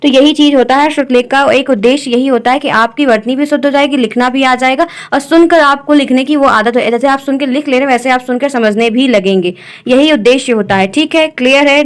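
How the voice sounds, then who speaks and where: A woman teaching an exam-prep lesson, going through questions step by step and often asking whether everything is clear. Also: sits high.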